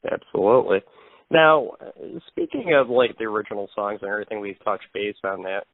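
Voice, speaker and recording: A man's voice: on the low side, lively intonation, fairly quick, creaky, dry recording. A man interviewing for a magazine, asking loose questions with fillers over a phone line. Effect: heard over a phone line. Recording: tinny dry phone line.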